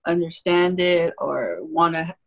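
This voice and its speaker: A guest on a podcast speaking earnestly and thoughtfully, with some fillers. The pitch sits in a middle range. The tone is casual and conversational. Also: steady tone, slow.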